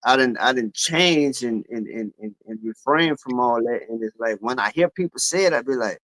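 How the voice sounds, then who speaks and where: A forty-year-old man with a Louisiana accent tells stories at an easy, drawling pace. His voice sits at an ordinary pitch and sounds dry and close, with almost no room around it. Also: expressive, normal speed, fairly bright tone, dry recording, poor audio. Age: 40s. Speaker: guest. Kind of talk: casual chat.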